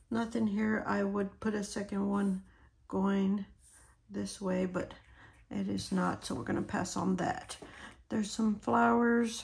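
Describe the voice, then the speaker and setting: Hoarse woman, slow, quiet near-whisper, gravelly, casual planner chat. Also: medium pitch. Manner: quiet, near-whispered, talks while sorting stickers. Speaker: planner vlogger. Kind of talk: soft-spoken planner decorating chat.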